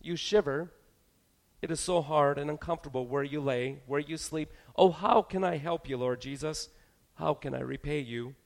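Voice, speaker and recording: A man's voice: a little high, moderate pace, in a large hall, close to an everyday voice. A man preaching, voicing a troubled worshipper who pleads with sorrowful urgency. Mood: pleading. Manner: pleading, rising to loud distress.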